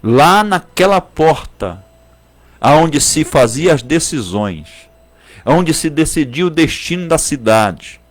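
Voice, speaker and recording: A man's voice: on the high side, lively intonation, slow pace. A man preaching a sermon in a Brazilian Portuguese accent, repeating phrases for emphasis and at times speaking in tongues. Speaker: pastor.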